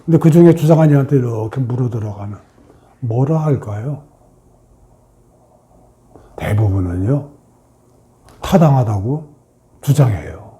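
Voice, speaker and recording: Mellow-voiced man teaching meditation. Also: mid-range voice, animated, unhurried, pauses often. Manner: asks questions and answers them himself. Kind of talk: meditation lecture.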